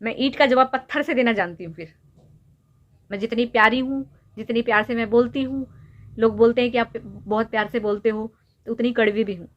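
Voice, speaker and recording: A woman's voice: on the high side, fairly quick, dull audio. A young woman vlogger lecturing and scolding someone directly to camera, repeatedly pressing her points home with rhetorical questions. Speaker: YouTube vlogger. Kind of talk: direct-to-camera opinion rant.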